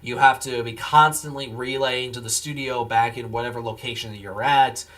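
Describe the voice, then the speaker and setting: A man's voice: mid-range voice, steady tone, normal speed, fairly bright tone. A man live streaming, chatting casually with viewers in a laid-back, rambling way. He sounds tired after a long day. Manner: laid-back and rambling, replies to chat messages.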